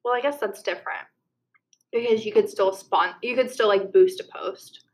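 A young woman co-hosting a podcast, talking casually in a slightly nasal voice, saying yeah often and laughing at herself. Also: mid-range voice. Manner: chatty, quick to laugh at herself. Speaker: podcast co-host.

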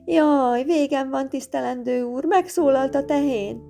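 A woman's voice: high voice, vocal fry, warm tone, voice pushed up. A woman voicing a panicked young farm maid in a storybook reading, with guitar music behind. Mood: terrified. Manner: shrieking.

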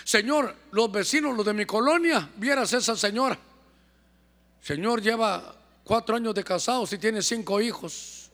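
A man's voice: high voice, moderate pace, a bit bright. A man with a Honduran accent voicing a childless woman who prays, bitter yet determined, her confession pleading. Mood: anguished. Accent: Honduran Spanish. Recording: long church hall reverb.

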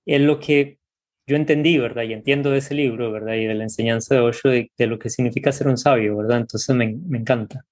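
A man from Rica, hosting a relaxed interview in a reflective way. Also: medium pitch, a little fast. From Costa Rica. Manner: reflective, often tags with ¿verdad?. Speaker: podcast host. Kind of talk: casual interview.

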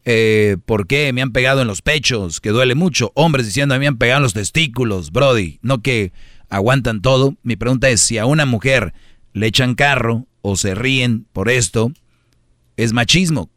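A radio host with a mid-pitched voice argues a point and teases his co-host. His delivery is sarcastic and pushy. The studio mic sounds close and dry. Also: normal speed, fairly bright tone, no echo. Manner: teasing, sarcastic, argumentative. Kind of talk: casual studio banter.

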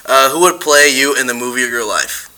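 A man hosting a podcast, laid-back, joking and slangy as he asks quick questions. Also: medium pitch, pushed and bright, smooth, low-quality recording. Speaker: podcast host. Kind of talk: casual podcast interview.

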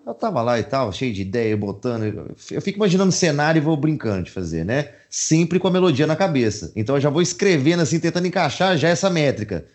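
A man's voice: on the high side, fast, hardly any pauses. A Brazilian man, a musician, talking casually in an interview, with many fillers and laughs. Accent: Brazilian Portuguese. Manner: animated, laughing, lots of fillers. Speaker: musician guest.

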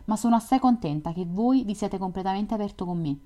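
A woman's voice: medium pitch, animated, fast talker, mellow, close to an everyday voice. A woman reading as a shy tender young woman. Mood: earnest. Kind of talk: audiobook reading.

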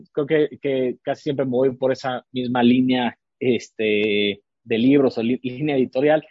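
A man's voice: medium pitch, no echo, muffled recording. A man hosting a podcast, chatting casually about books with frequent fillers and restarts. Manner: hesitant, many fillers and restarts. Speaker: podcast host. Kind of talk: casual book-recommendation chat.

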